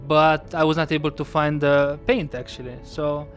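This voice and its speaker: A man co-hosting a casual chat who pauses and searches for words as he tells a story. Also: fairly high pitch, little pitch movement, faint music behind. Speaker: podcast co-host.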